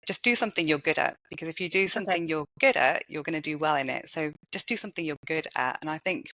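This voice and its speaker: A woman with a high-pitched voice speaks fast and sharp as a podcast guest in a casual interview conversation, thoughtful but full of small restarts and "you know"s. The recording is dry and the audio poor.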